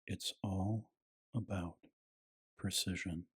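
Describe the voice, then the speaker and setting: Man, hushed ASMR narrator, low-pitched, husky and breathy, soothing, scripted bedtime reading. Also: steady tone, takes it slowly.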